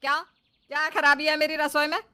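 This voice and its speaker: A woman's voice: high-pitched, monotone, a little fast, pitched above the performer's own voice. Woman doing a stern scolding old mother-in-law. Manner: scolding, sharp retorts. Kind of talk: cartoon dub.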